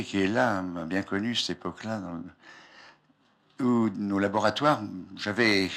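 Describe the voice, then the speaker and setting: This lowish, sharp-toned voice belongs to an older man, a scientist lecturing the public from a raised platform in a lecture hall. Preserved on an old archive tape, his talk is casual and wandering, and he frequently stops partway through phrases.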